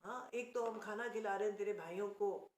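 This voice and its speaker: Sly storybook witches with a wheedling, sugary lure that turns to scolding, as a woman puts them on in her plain voice, recorded in a room with a clear echo. They sound close to an everyday speaking voice. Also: mid-range voice, steady tone, fairly quick, darkish tone, lightly acted. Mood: indignant. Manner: coaxing, then scolding. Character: two sweet-talking young witch women. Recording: echoey room.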